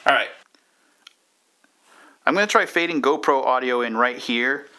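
A YouTube tutorial presenter, a man in his thirties, talks through a how-to in an informal, halting way during his demonstration. His medium-pitched voice is bright and forceful and a little slow, recorded on a clip-on lavalier or camera mic.

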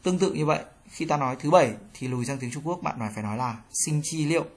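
A teacher runs an online language lesson. Explanations come in a middle-pitched, even voice. Practice syllables are called out higher and louder for learners to repeat. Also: rapid-fire. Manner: explains in a plain tone, then calls out drill syllables higher and louder.

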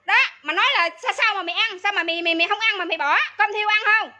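A woman's voice: very high-pitched, racing, sharp tone. A woman making an urgent, pleading complaint on camera outdoors. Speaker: resident complaining about aid.

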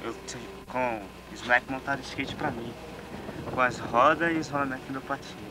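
A young Brazilian man in casual, halting, slangy chat, recorded outdoors on a home VHS camcorder tape. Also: mid-range voice. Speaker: skateboarder. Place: outdoors on concrete steps, open air. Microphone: camcorder microphone. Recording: windy, noisy 1990s VHS camcorder tape.

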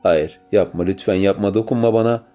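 A man's voice: low voice, fairly quick, warm tone, soft background music, close to an everyday voice. A man voicing a frightened young woman captive, pleading desperately in an audiobook.

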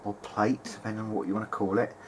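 Speaking fast in a lowish voice with little pitch movement, a man hosts a casual electronics demonstration at an indoor workbench, thinking out loud hesitantly. He repairs electronics as a hobby. The recording is low quality, with clear background noise from the workshop room.

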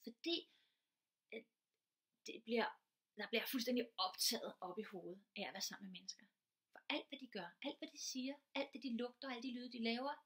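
Patient and earnest, a female teacher talks through an informal lecture, illustrating every point with plenty of concrete examples from daily life. Her voice is a touch high and fairly bright in tone.

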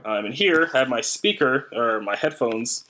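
Speaking at normal speed with an expressive, medium-pitched voice, a young hobbyist gives a casual tutorial and hesitates a little along the way. He's at a desk in a small room, with faint background noise and clicks on the recording.

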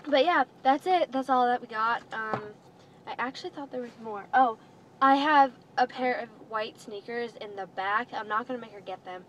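Sitting in a parked minivan, a teen girl shows her clothing haul to the camera in a relaxed vlog, her voice a little high and fairly bright at a normal speed. The audio sounds like a noisy phone recording made inside the car.

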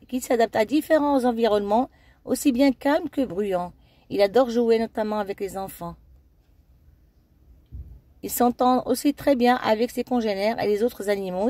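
A woman narrates a scripted documentary in a steady reading voice. Her tone is warm and mellow rather than bright. The recording is dry and close. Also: a little high, no room sound. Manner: steady reading with occasional slips. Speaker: narrator of a documentary-style video.

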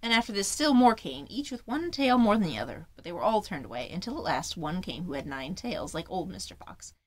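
Brief: woman author-narrator, measured fairy-tale reading. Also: lowish voice, very animated. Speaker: author and audiobook reader.

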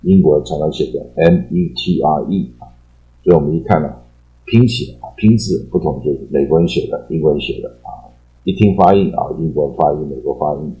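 A man teaching English vocabulary in a casual lesson, with a Taiwanese Mandarin accent, explaining words and padding his sentences with drawn-out fillers and repetition. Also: rumbling low, mellow, muffled recording.

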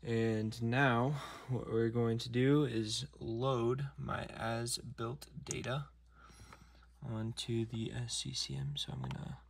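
Slow, gravelly man explaining a truck job. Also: mid-range voice. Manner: slow, methodical, talking while working, some near-whispered asides. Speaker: DIY car tutorial maker. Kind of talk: step-by-step how-to narration. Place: inside a truck cab.

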